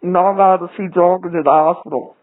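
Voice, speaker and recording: A man's voice: high-pitched, steady tone, quick pace, natural voice. A man acting a blunt, pushy schemer, curt and insistent on a voicemail in an audio drama. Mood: cold, dismissive. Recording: tinny phone-like line.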